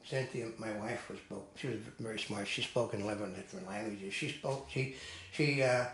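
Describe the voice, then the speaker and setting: A man's voice: on the low side, normal speed, a bit bright. An older man co-hosting a casual discussion, telling digressive stories and stating firm opinions. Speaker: co-host. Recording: echoey room with faint noise.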